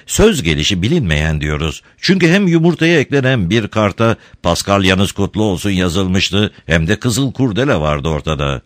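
A man narrating a storybook, reading with expressive, dramatic pacing. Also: sits low, normal speed, few pauses, no echo, clean studio sound.

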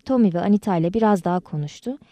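A woman narrating an audiobook in an even, measured reading style. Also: mid-range voice, no echo, lo-fi sound. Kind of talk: scripted storybook narration.

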